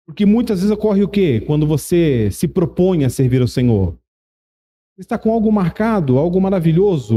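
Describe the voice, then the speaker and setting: Pastor guy preaching hard, keeps repeating himself, warm dark voice. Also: fairly high pitch. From Brazil. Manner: emphatic, repetitive preaching with rhetorical questions. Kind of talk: sermon.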